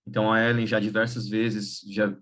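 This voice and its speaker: Low-voiced Brazilian male teacher. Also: level tone, normal speed, a bit bright. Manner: casual, hesitant, laughs at himself. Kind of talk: online teacher training talk.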